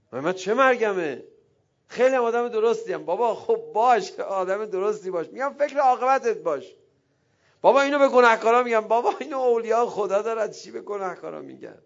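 A middle-aged man preaching a sermon, emotive, dropping to a hush and rising loud as he acts out quoted dialogue. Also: high-pitched, muffled recording. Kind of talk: religious sermon.

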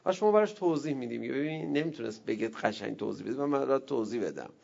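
A man giving a religious talk, telling a story with animated, emphatic delivery that swells to forceful peaks. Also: medium pitch, creaky. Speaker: preacher. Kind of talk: religious lecture. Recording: dull lo-fi sound.

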